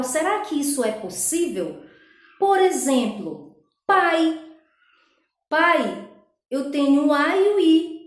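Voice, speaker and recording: Brazilian woman, teacher, high and unhurried, patient step-by-step explainer, roomy echo. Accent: Brazilian Portuguese. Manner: explains step by step, often checks in with the class. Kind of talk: recorded school lesson. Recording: echoey room.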